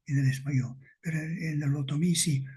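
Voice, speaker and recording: A man giving an academic lecture with slides, speaking slowly and deliberately and checking in with his listeners. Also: a little high, fairly even intonation, dark tone, slightly rough.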